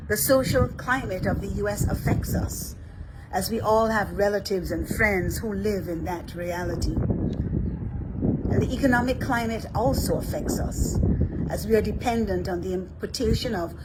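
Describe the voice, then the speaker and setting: A woman from Barbados, an Episcopal priest giving a measured, scripted reflection. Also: mid-range voice, noisy background.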